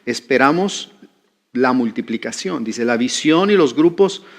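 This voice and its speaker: A man's voice: mid-range voice, expressive, a little slow, gravelly. A man preaching a sermon, talking with the congregation and putting questions to them. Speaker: pastor.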